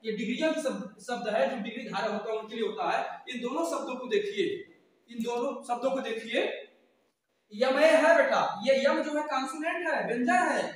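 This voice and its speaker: A man's voice: extremely high pitch, fairly quick. A man teaching grammar to students, calling them "beta" and repeating each key word patiently. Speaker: English teacher. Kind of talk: classroom grammar lesson in Hindi. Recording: very echoey room, voice from far off.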